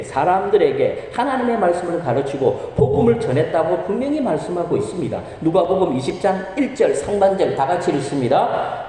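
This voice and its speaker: A male pastor preaches in a high, lively voice that swoops up and down, with a mellow, warm tone. He throws question after question at the congregation and then answers them. The sound carries a heavy, long church reverb. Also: a little hiss or hum. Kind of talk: sermon. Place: church sanctuary.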